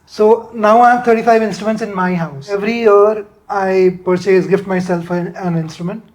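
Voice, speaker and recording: A man's voice: high-pitched, steady tone, moderate pace, rough recording. A man in his thirties with an Indian accent, chatting casually and sharing personal anecdotes as a guest. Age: 30s. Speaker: podcast guest.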